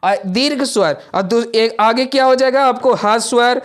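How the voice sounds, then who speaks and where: Male grammar teacher, classroom style, repeats and quizzes, drawn-out vowel demos. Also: very high-pitched. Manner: draws out vowel sounds in demonstration.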